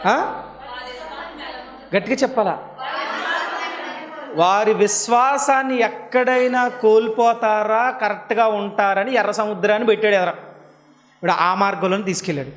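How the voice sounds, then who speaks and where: A male pastor preaching a sermon, quizzing the congregation and swinging between low and high tones. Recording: long reverb in a hall.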